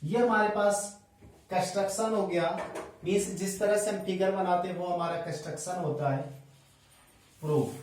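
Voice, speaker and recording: A man teaching a maths class at the board, dictating each step slowly and spelling out angle letters, mixing in English terms. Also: sits high, steady tone, a little mellow, slight background noise. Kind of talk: blackboard lesson, dictating steps slowly. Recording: echoey room, voice from a distant mic.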